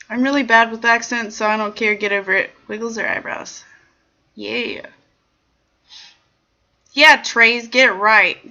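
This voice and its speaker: Playful bright-voiced woman streamer. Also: medium pitch, vocal fry. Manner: rambling, playful and sassy, greets chat viewers. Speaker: livestream show host. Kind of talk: casual chat reading viewer comments. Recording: dull lo-fi stream audio with faint background music.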